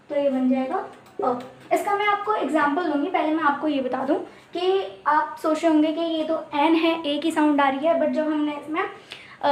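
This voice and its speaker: Patient woman drilling letters, echoey room. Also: sits high. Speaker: teacher. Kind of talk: casual language lesson. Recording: echoey room with faint noise.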